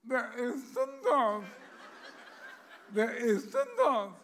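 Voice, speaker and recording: A shrill, squawking green parrot, as a man with an Austrian accent puts it on, pitched far above his own voice and bright in tone. It nags over and over, slow and insistent, like a bird that knows only one line. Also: a little hiss or hum, heavily acted.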